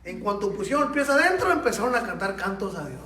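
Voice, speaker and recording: High-voiced pastor in an echoey church. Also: male voice, fast talker, a crowd in the background. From Mexico. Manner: animated storytelling, speaks straight to the congregation. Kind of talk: Sunday school sermon. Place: church hall. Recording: echoey church room, mic at a distance.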